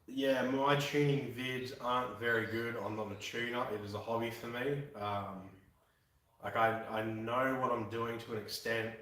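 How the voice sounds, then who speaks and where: A slightly bright, mid-range male voice with a steady tone at normal speed: a Western Australian man in his twenties chatting casually with live stream viewers, laid-back and swearing now and then. He's in a garage, and the room is very echoey with the mic far off.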